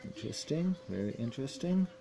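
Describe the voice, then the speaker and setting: A man's voice: mid-range voice, big pitch swings, fast talker, vocal fry. A man filming himself opening trading card packs in a casual vlog, agitated and indignant, stumbling and repeating himself.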